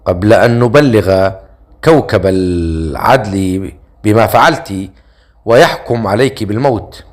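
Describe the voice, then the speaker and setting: A man's voice: fairly low pitch, lively intonation, unhurried. Man voicing a big guard soldier, harsh, stern, storybook reading.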